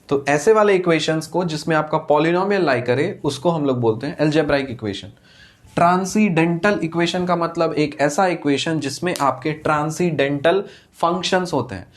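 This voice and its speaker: Man lecturing on math, fairly high voice. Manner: explains step by step, asks and answers his own questions. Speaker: math teacher. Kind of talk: exam-prep lecture.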